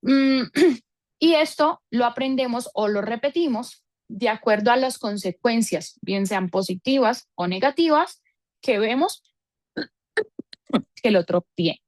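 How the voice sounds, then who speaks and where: A woman leads a family seminar, explaining with homely examples and diminutives. Her voice sits fairly high, and the sound is dry and close. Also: animated, slow pace, dry recording. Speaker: seminar teacher. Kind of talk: parenting seminar lecture.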